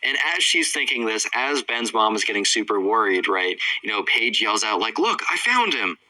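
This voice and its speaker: A man's voice: lowish voice, fairly even intonation, normal speed, bright, forceful tone, distant mic, poor audio. A man casually narrating a story, rambling with lots of "right" and "you know" fillers.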